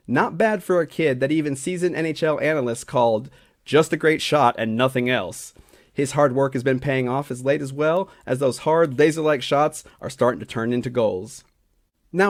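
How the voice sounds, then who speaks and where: Man reading a hockey stats awards rundown. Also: mid-range voice. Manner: steady, stat-heavy delivery with small slips and restarts. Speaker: hockey analytics writer and podcast regular. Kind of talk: reading a scripted awards segment.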